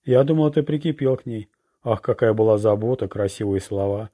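A man's voice: on the low side, fairly quick, mellow, dry recording, studio quality, lightly acted. A man voicing a seductive, mocking female witch in an audiobook reading. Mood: teasing. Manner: teasing, languid.

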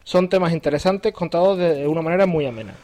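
Hombre de voz algo aguda y habla rápida. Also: male voice, fairly high pitch, mellow. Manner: fast, chatty, reads emails aloud. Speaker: podcast co-host. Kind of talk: casual chat, reading listener mail.

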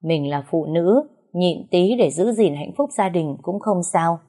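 A woman's voice: on the low side, expressive, warm tone. Woman voicing a stern old father. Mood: scolding. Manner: firm, scolding, slow and measured. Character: stern aging father, lecturing his daughter.

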